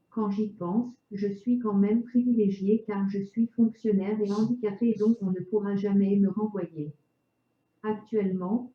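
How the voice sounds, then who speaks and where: A synthetic woman's voice narrates a prepared script in a chipper text-to-speech manner. The pitch sits in an ordinary middle range and the words come out evenly articulated. The sound is dull and lo-fi, with a clear roomy echo around the voice. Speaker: video narrator. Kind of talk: scripted self-introduction narration.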